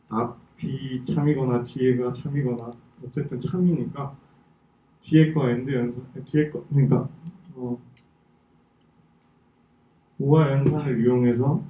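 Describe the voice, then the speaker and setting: A twenty-year-old man giving an informal technical talk, halting as he searches for words, with slightly impaired articulation after dental work. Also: medium pitch. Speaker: conference presenter. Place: indoor talk venue. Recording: muffled, echoey room, distant microphone.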